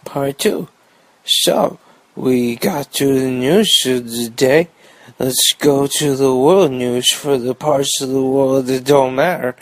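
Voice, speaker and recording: A man's voice: mid-range voice, slow pace, no room sound. A young man hosting a podcast, rambling through a comic news monologue full of puns. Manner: rambling, jokey, fond of puns. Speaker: podcast host.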